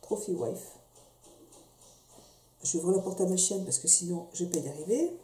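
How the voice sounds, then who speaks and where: A woman's voice: on the low side, lively intonation, moderate pace. A woman casually reviewing beauty products at home, chatty and hesitant, with many fillers and restarts. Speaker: beauty vlogger. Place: home room. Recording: echoey room with faint noise.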